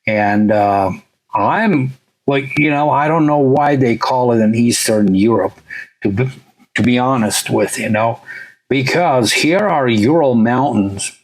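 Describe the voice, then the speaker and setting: For this middle-aged Latvian host, English comes third among his languages, and he narrates his screen-share vlog casually and meanderingly. He relies on plenty of "uh" and "you know." His voice is medium-pitched and slow, on a rough recording.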